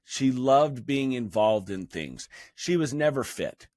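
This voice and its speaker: A man's voice: medium pitch, big pitch swings, darkish tone, no room sound, clean studio sound. A man in his fifties hosting a fitness channel, talking earnestly and personally with frequent restarts and fillers. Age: 50s. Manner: earnest, halting with many restarts. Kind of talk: personal talk to camera.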